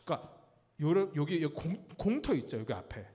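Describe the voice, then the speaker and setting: A male pastor delivers a storytelling sermon in a church sanctuary, his fairly high voice rising and falling in wide swings. He pauses to put questions to the congregation and dramatizes the moments of his story. A long reverb trails behind every phrase. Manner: animated storytelling, acts out cries and quotes.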